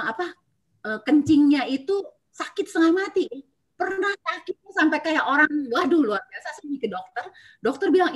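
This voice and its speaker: A woman's voice: sits high, husky. A middle-aged woman giving a devotional talk and personal testimony on a video call, telling her stories expressively with frequent filler words. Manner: expressive storyteller, many filler "ya" and "nah". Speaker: church speaker giving a testimony.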